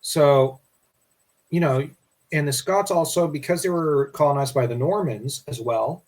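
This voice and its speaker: Casual co-host, male, slightly high voice, loose and rambling delivery. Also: measured pace, a little mellow. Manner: rambling, restarts often. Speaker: podcast co-host. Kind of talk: casual history discussion.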